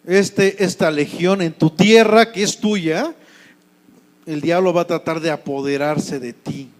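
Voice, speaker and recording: A man's voice: on the high side, measured pace. A male pastor with a Mexico City Spanish accent, preaching a sermon in a conversational way and often asking the congregation questions. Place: church.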